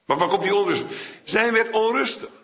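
Older Dutch-speaking preacher in a roomy hall. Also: male voice, moderate pace, fairly bright tone. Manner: conversational, digressive, with sudden high-pitched acted quotes. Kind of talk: Bible sermon.

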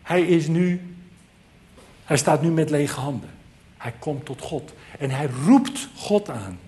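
A man's voice: fairly high pitch, animated, slow pace, mellow. A man preaching a sermon, earnest and emphatic, repeating key phrases for weight.

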